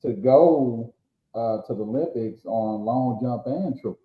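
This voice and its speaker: A man hosting a podcast, asking questions and chiming in with quick, eager replies. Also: mid-range voice. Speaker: podcast host. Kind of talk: casual podcast interview. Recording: roomy, slightly dull sound.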